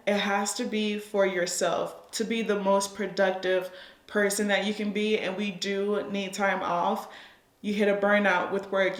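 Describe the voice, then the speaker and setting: American woman vlogger in an echoey room. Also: mid-range voice. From United States. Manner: chatty, conversational, informal. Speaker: lifestyle vlogger. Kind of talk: casual advice vlog.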